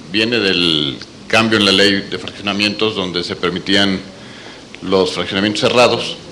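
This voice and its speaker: Low-voiced Mexican man over background noise. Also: bright, forceful tone, poor audio. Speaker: architect, audience member commenting. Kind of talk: spoken comment in a question session. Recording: background noise and room ambience.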